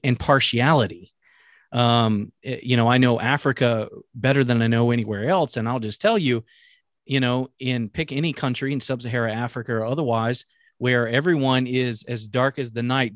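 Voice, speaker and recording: An earnest man co-hosting a faith-based talk show, speaking in a middle-pitched voice. He talks in a measured way, pausing often on ums and restarting his sentences. The recording is dry and close, with no room sound. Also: dry recording.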